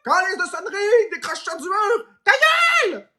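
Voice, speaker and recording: A man voicing a shrill, bickering spouse, shouting and swearing crudely in a Québécois accent. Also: animated, normal speed, heavily acted. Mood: quarrelling. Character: shrill bickering couple at home.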